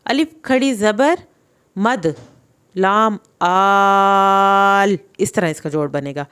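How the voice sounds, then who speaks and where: A young woman teaching Quran reading, slowly sounding out each letter and vowel mark syllable by syllable and then explaining the rules. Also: medium pitch, very animated. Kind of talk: slow spelled-out recitation lesson.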